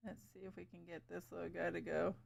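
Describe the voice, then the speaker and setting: A woman's voice: fairly low pitch, level tone, fast talker, vocal fry, slightly rough. A woman streaming live as she paints, chatting casually with viewers, thinking aloud and giggling often.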